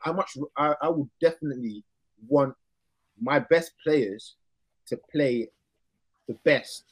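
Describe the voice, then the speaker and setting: A man's voice: mid-range voice, slow pace, slightly rough, rough recording. A young man with a London accent hosting a casual football discussion, slangy and repeating himself for emphasis. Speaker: podcast host.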